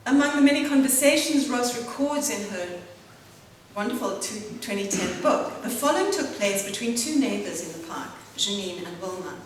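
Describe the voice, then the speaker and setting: Woman, academic lecturer, prepared text with asides, booming hall echo, distant mic. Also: animated, moderate pace. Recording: very echoey hall, distant mic, faint hum.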